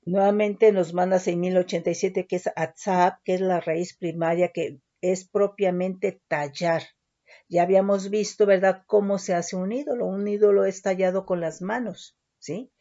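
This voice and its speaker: A woman teaching the Bible slowly and carefully, who keeps checking in with her listeners with short questions. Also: fairly low pitch, steady tone, dark tone. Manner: keeps asking ¿verdad? and ¿sí?. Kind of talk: slow Bible teaching with word studies. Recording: dull lo-fi recording.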